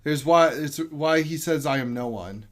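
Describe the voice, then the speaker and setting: A man's voice: fairly high pitch, a little slow. A man co-hosting a movie podcast, rambling casually and swearing now and then. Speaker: podcast co-host.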